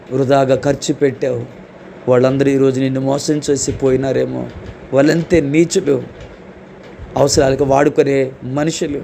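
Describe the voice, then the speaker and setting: A man's voice: medium pitch, vocal fry, warm tone, slight background noise. A man preaching a sermon as a pastor, fervent, often calling out hallelujah and amen and rising to emphatic questions. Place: church.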